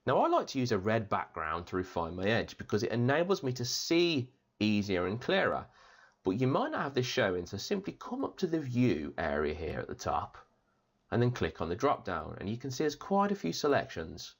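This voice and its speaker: A man hosting a step-by-step software tutorial, chatty and upbeat, his voice strained after an operation. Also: fairly low pitch, wildly swooping pitch, moderate pace. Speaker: tutorial host.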